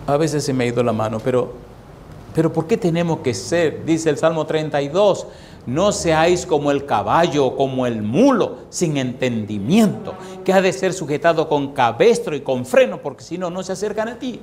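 A man's voice: a little high, animated, normal speed, a little mellow. A man preaching a sermon with dramatic swings, at times acting out the voices of people in his stories. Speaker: pastor.

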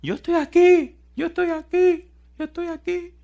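A man's voice: extremely high pitch, steady tone, normal speed, gravelly, mellow, muffled recording, pitched above the performer's own voice. A man playing a desperate pleading woman. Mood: crying out. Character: terrified woman survivor pleading.

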